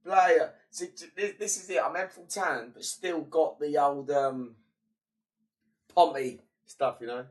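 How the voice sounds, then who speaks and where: A young man with a stuffed-up, fading voice casually talks through a football management game he's streaming, muttering between bursts. His pitch is fairly high and his pace a little slow. He's far from the mic.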